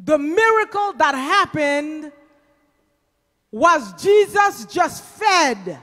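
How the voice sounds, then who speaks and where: A middle-aged Haitian woman preaching a sermon in a church, shouting with emphasis into a handheld mic. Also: high-pitched, expressive, drawn-out words. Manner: emphatic, shouting, switches between Creole and English. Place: church stage, indoors. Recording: long reverb in church hall.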